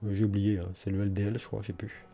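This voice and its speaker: A man's voice: on the low side, flat delivery, fast, dark tone. A man in a casual garden vlog, talking colloquially with many hesitations and restarts, and blunt, enthusiastic opinions. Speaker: vlogger talking about his garden.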